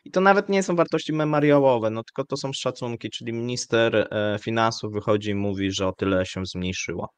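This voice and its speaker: Measured hesitant man, dry sound. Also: mid-range voice, smooth, no echo. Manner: measured, hesitant with frequent fillers. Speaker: show host. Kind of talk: live economic commentary.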